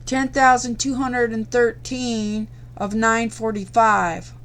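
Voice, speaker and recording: A woman's voice: a little high, level tone, slow pace, fairly bright tone. A tired woman hosting a crafting channel, talking casually to her viewers late at night. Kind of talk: casual tutorial talk to viewers.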